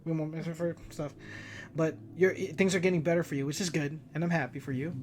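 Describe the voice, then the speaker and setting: A man's voice: on the high side, fairly even intonation, fast talker, darkish tone, a little hiss or hum. Young male stream host, casual interviewer, chatty and giggly, rambles with lots of filler words.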